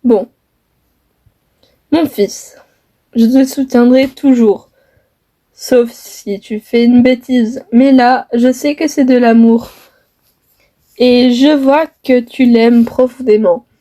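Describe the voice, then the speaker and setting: Brief: kind quiet father, woman voicing, calm gentle advice, high voice. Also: slow, pauses often. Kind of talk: homemade family skit.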